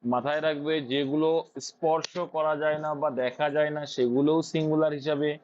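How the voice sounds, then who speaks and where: Briskly and in a steady, darkish tone, a man with a Bengali accent explains English grammar, his voice slightly high. He answers the questions he raises himself, and the recording is dull and lo-fi.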